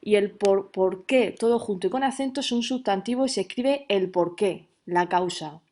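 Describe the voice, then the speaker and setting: Profesora española, explicativa, muletilla "¿vale?", tono medio. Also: female voice, medium pitch, moderate pace, darkish tone. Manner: explanatory, checks understanding with frequent "¿vale?". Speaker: teacher. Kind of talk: recorded video lesson.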